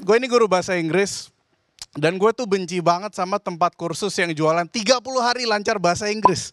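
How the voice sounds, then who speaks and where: A man's voice: sits high, fairly quick, a bit bright, dry recording, studio quality. A man from Indonesia doing a stand-up comedy set, ranting in exasperation.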